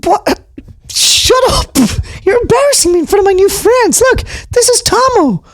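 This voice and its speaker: A tiny male cartoon mouse, squeaking way up high and gushing breathlessly, his giddy voice falling over itself. The recording is close and dry, with no room sound at all. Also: expressive, moderate pace, a bit bright, no echo, exaggerated voice. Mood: embarrassed.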